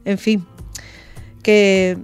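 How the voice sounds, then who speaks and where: A woman's voice: mid-range voice, extremely slow, clean tone, soft background music. A woman, a radio guest telling an emotional story and acting out the quoted voices. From Andalusia, Spain. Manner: animated, acts out quoted dialogue.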